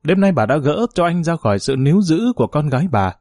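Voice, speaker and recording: A man's voice: fairly high pitch, fast, dry recording, studio quality. A man narrating a novel as an audiobook, telling it expressively. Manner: expressive storytelling.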